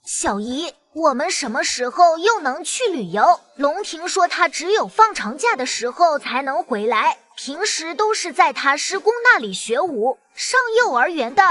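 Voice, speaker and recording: A woman voicing a cheeky little boy in an animated drama, who talks in a chatty, blunt, childlike way. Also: sits high, moderate pace, few pauses. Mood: chirpy. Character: small cheeky boy about to start kindergarten.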